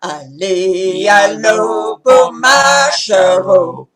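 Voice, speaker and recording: A woman from Belgium. She speaks softly to introduce a folk song, then leads its call-and-response chorus over a video call. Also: mid-range voice, drawn-out words, over music. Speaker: folk singer. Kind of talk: folk song performance at an online sing.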